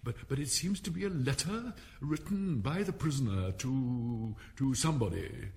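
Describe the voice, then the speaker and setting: A man's voice: medium pitch, lively intonation, normal speed, a little mellow, pitched above the performer's own voice, close to an everyday voice. A man voicing a nervous, fussy male rabbit herald in a storybook, stammering and deferential. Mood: flustered, eager.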